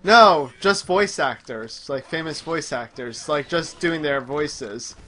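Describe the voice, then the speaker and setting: A man hosts a gaming show, chatting casually and commenting live while he plays a video game. His voice is a little high, animated and sharp, yet slow, picked up by a microphone on a group internet voice call.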